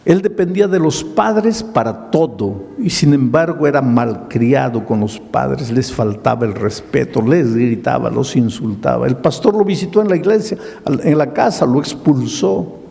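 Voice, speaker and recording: A man's voice: medium pitch, expressive, measured pace, creaky, warm tone. An older man with a Peruvian Spanish accent, a pastor preaching a sermon and dramatically telling a story with acted-out dialogue. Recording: long hall reverb.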